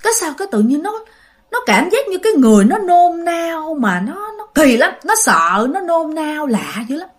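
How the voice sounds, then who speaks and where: A woman narrates a ghost story in a chatty style, often speaking straight to her listeners. Her voice sits high and swings widely in pitch. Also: sing-song, normal speed. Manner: chatty, addresses listeners directly.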